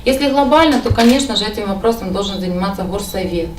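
A woman representing a party, answering press questions in a steady, explanatory way with some hesitations. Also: medium pitch, fast talker. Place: indoor press conference room. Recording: echoey room from far off, faint noise.

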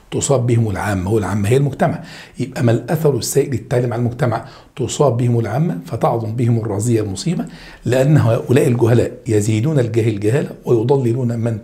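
Fast-talking Egyptian teacher, dark voice. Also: male voice, mid-range voice. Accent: Egyptian Arabic. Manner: animated, asks and answers his own questions. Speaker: Arabic teacher. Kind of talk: exam-review lesson.

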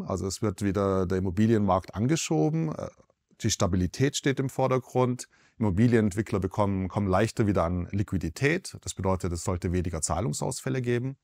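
A foreign correspondent in his forties answers interview questions in a TV studio, measured and explanatory with small self-corrections. His voice is fairly low and a little mellow, with vocal fry.

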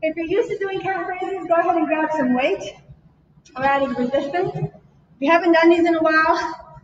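A woman's voice: very high voice, normal speed, a little hiss or hum. A woman fitness instructor leading a live workout, encouraging the class and counting reps while she exercises, a little out of breath. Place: fitness studio, indoors. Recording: echoey, distant, slightly dull room sound.

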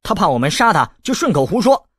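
A man's voice: sits high, sing-song, fast, breathy edge, dry recording, studio quality, voice pushed up, full character voice. A man voicing a cheeky, scheming teenage boy with a brash, mocking manner in an audiobook.

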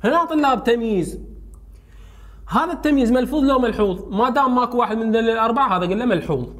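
A man with an Iraqi Arabic accent teaching a grammar lesson, firing quick questions at students and answering them himself. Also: very high voice, lively intonation, fairly bright tone.

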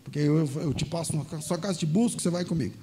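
A man's voice: on the high side, very fast, mellow, in a large hall, slight background noise. A man preaching as a pastor, telling a personal story in a sermon with conversational repetitions. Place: church.

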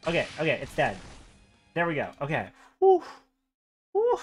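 A live gameplay commentator at home with a cat nearby, talking at a mid-range pitch. They get excitable and swear freely, laughing at their own blunders. Soft game music plays faintly in the background. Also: fast talker, slightly rough. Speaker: game streamer.

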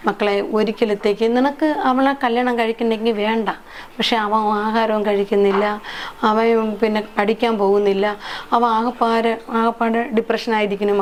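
A middle-aged woman tells her story in an interview, her voice pitched a little high. She stops, repeats words and lets sentences trail off, and her speech is heavy with feeling. Faint ambient noise sits behind her. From Kerala, India. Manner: halting, repeating herself, trailing off. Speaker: interviewee, mother. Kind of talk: emotional personal account.

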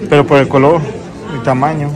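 A man in a large indoor expo hall, talking casually as he films on his phone. He comments on what he sees and what it costs. A dense crowd murmurs loudly all around him. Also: on the high side, level tone, brisk. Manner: chatty, remarks on prices while filming. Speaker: vlogger filming a family outing. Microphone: handheld phone camera. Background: crowd chatter.

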